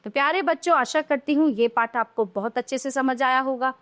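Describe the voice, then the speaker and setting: A woman with a high, bright voice gives a grammar lesson to young children. She talks in a sing-song way, her voice rising on each wrong example and dropping on each correct one. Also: fairly quick. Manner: sing-song, rising on wrong forms and falling on right ones. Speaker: teacher.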